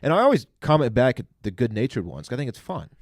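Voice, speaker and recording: A man's voice: medium pitch, sing-song, quick pace, dry recording, studio quality. A man co-hosting a podcast in casual, earnest, rambling chat. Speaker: podcast co-host.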